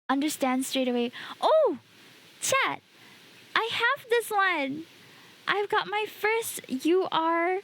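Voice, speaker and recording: A chatty, excitable woman livestreamer, talking casually and bubbly to her chat. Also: high voice. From Singapore. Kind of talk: casual livestream chat while opening card packs.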